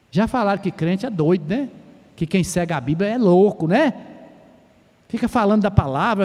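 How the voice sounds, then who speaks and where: A man from Brazil, preaching a sermon as pastor, asking rhetorical questions and rising to loud shouted exclamations. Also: high-pitched. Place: church sanctuary. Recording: long church hall reverb.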